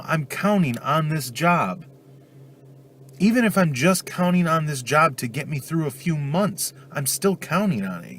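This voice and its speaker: A vlogger with a medium-pitched voice talks casually in his daily vlog, venting his frustration while stuffed up with a cold. There's slight background noise.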